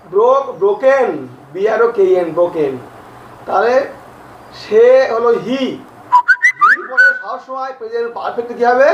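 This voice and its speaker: A male English teacher, teaching grammar to a class slowly, repeating and spelling out each word. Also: high voice, a little hiss or hum. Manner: slow, repeats and spells out words. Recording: echoey, distant, dull lo-fi audio.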